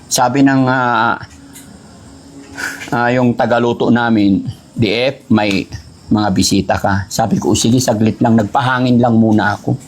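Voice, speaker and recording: A man vlogging with a mid-range voice. He scolds loudly while playing a prank, then addresses viewers calmly and politely. Faint noise runs behind him. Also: mid-range voice, measured pace. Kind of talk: casual chat, prank then explaining to viewers.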